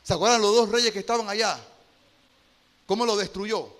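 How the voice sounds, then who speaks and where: Male pastor, high and bright voice, preaches with rhetorical questions, hushed storytelling rising to loud exhortation. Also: normal speed. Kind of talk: sermon.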